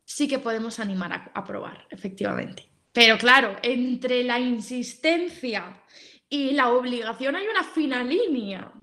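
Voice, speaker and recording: A woman's voice: on the high side, lively intonation, measured pace, pushed and bright. A woman with a Spain Spanish accent hosting a live session on children's eating, explaining in a chatty way and reading out chat comments. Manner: chatty, explanatory, many fillers and rhetorical questions.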